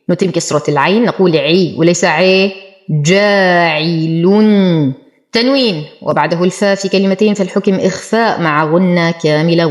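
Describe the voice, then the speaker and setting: A woman teaching Quran recitation, explaining the rules of each word and then reciting it slowly and deliberately. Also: on the low side. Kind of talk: tajweed lesson with slow recited examples.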